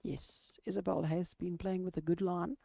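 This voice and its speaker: A woman giving live lawn bowls commentary in a measured golf-style manner, describing each shot in short phrases. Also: lowish voice, flat delivery, gravelly, mellow, breathy edge.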